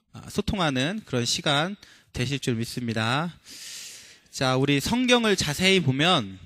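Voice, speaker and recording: A male preacher giving a sermon in a church, talking to the congregation with frequent questions and slowing down for emphatic scripture quotes. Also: medium pitch, sharp tone, dry recording, studio quality.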